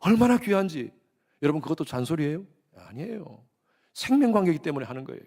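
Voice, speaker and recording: A man in his fifties with a Gyeongsang Korean accent, preaching a lively sermon to his congregation and often speaking straight to them. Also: fairly high pitch, fast, creaky. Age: 50s. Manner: lively preaching, addresses congregation often, acts out quoted lines. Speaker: pastor.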